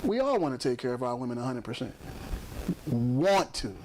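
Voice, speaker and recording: A man's voice: medium pitch, very animated, moderate pace, darkish tone, slight background noise. A man hosting a podcast, ranting in a casual, profane and emphatic way. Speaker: podcast host; truck driver.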